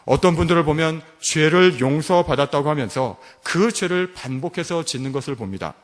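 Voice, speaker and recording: A man's voice: fairly high pitch, animated, brisk. A man preaching a sermon as pastor, asking rhetorical questions and rising to emphatic peaks. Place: church sanctuary. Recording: long hall reverb.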